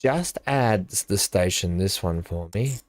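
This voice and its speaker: A man's voice: deep voice, expressive, unhurried, no echo, clean studio sound. A middle-aged man, chatting and thinking aloud while he streams a building game live. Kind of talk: live gameplay commentary.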